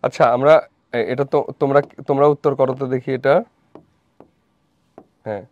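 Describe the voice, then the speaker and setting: A man's voice: medium pitch, steady tone, fairly quick, darkish tone. A young man teaching a live online revision class, who asks questions, repeats them and answers them himself. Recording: dull dry lo-fi stream audio.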